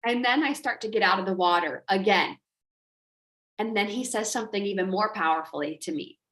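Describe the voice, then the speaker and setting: A woman's voice: mid-range voice, brisk, fairly bright tone, reverberant. A woman coaching a group in a motivational talk, pressing with repeated rhetorical questions. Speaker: business coach.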